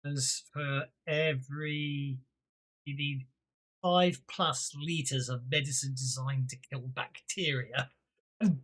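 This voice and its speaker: A man running a tabletop game as game master, rambling and halting, laughing often. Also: mid-range voice, steady tone, a bit bright.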